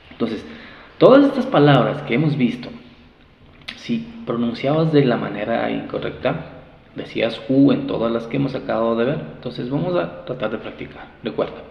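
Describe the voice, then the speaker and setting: A man teaching pronunciation, patiently explaining and drilling sounds with slow, exaggerated repetition. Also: mid-range voice, gravelly. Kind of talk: pronunciation lesson. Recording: echoey roomy sound, dull lo-fi.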